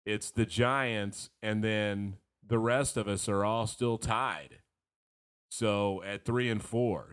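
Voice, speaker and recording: A man hosting a sports fan podcast, talking casually and frankly while hoarse from a cold. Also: on the low side, fairly bright tone. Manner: frank, rambling, self-deprecating fan talk. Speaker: podcast host.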